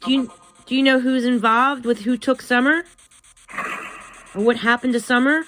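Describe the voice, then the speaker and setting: A woman hosting a spirit box session, talking casually in a gentle, chatty, coaxing way as she asks questions. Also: on the high side, fairly even intonation, moderate pace, slight background noise, rough recording.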